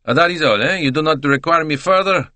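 A man plays a chatty, scornful Italian salesman, pitching his voice well above his natural register and bouncing with excitable chatter. His fairly quick speech is full of broken phrases, captured in a dry, close recording, and the mood is chatty.

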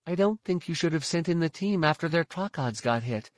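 A man voicing a steady, restrained young Jedi woman in an audiobook reading. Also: a little high, brisk, dry recording, clean studio sound, voice pushed up, lightly acted. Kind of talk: audiobook narration.

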